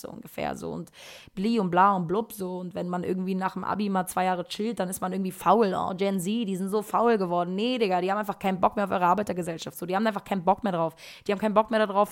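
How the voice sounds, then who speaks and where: A woman in her twenties talks quickly and freely into a podcast mic in her kitchen. Her speech is slangy and meandering, full of filler words and street slang. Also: medium pitch. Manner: slangy, rambling, peppers talk with "Digga". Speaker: podcast host. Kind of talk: casual solo podcast chat. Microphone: podcast microphone.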